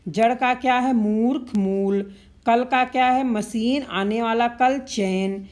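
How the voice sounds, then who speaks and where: A woman's voice: fairly high pitch, steady tone, slow, a little mellow. Hindi teacher woman drilling word lists. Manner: repetitive, drilling word pairs with frequent "ठीक है". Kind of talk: explanatory exam-prep lesson.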